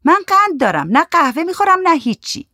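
A man voicing a fussy, quarrelsome older woman in a storybook reading, talking high and pushy. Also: sing-song, bright, forceful tone, no room sound, studio quality, full character voice. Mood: shrill, quarrelsome. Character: fussy shrill older woman, Goli joon.

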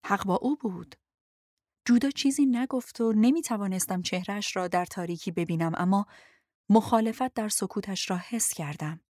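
A woman narrating an audiobook in the first person, in a quiet, reflective reading. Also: medium pitch, no room sound, studio quality.

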